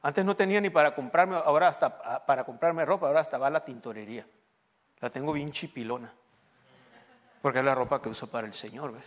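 A man's voice: medium pitch, quick pace. A man in his forties with a Mexican accent, preaching a sermon as a pastor and telling humorous stories to his congregation. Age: 40s. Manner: humorous storytelling, joking with the congregation.

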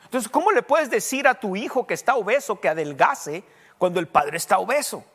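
A man's voice: high voice, animated, fairly quick, fairly bright tone, husky. A man, a pastor preaching in a conversational way that rises to emphatic questions. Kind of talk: sermon. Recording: long hall reverb.

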